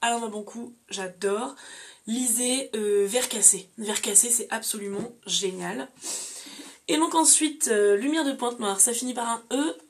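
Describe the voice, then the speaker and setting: A young woman chatting casually to camera as a book vlogger, listing the books she has read with frequent fillers. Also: on the high side. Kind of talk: casual reading-challenge vlog.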